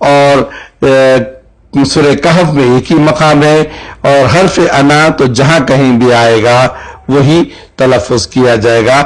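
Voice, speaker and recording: Male tajweed teacher, mid-pitched, patient and repetitive, drawling out example words. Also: poor audio. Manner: slow, repeats and drawls words to teach pronunciation. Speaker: Quran recitation teacher. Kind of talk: religious lesson.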